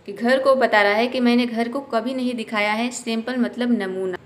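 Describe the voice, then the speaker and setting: A woman teaching English word by word, slowly repeating each word with its meaning. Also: on the high side, steady tone, reverberant, a little hiss or hum. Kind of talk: explaining English sentences word by word in Hindi.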